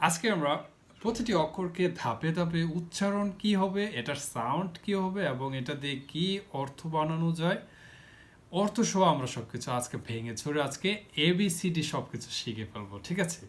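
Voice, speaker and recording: A man teaching the English alphabet to children, explaining each letter slowly and repeating words, with a Bangladeshi Bengali accent. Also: fairly high pitch, sharp tone. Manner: slow, repetitive, step-by-step explaining.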